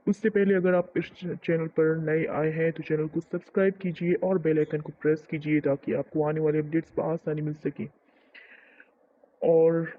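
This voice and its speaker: Male narrator for a novel channel: calm, steady storytelling, fairly high voice, muffled lo-fi audio. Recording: muffled lo-fi recording.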